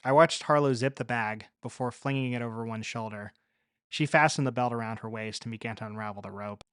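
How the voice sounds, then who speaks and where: Guy narrating a story in first person, even pace, dead dry close mic. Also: medium pitch, a little fast, clean tone, no room sound.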